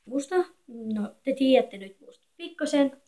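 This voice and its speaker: Soft-spoken young teen girl vlogging. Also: high-pitched, lively intonation. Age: 13-year-old girl. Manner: quiet, soft-spoken, rambling and chatty. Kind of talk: casual home vlog. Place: echoey bedroom at home. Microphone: phone camera.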